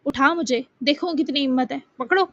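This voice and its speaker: A woman voicing an affectionate, teasing grown man, a romantic lead, in a soft, doting manner. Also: high voice, no echo. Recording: dull dry lo-fi sound.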